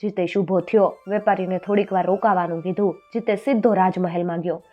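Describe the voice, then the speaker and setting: A woman telling a traditional folk tale in an expressive storytelling voice, lifting her voice for the characters. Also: lowish voice, fairly quick. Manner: expressive, raises voice for quoted characters. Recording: dull lo-fi sound with faint music.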